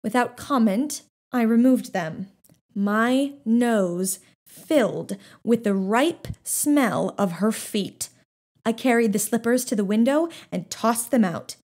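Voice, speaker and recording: A woman narrating a children's novel in the first person with a steady, gently expressive reading. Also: a little high, slow pace. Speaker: audiobook narrator.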